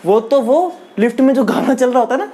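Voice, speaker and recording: A man's voice: very high voice, fast, mellow. A young man doing casual stand-up storytelling as a comedian, chatty and laughing through his own lines. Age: young adult.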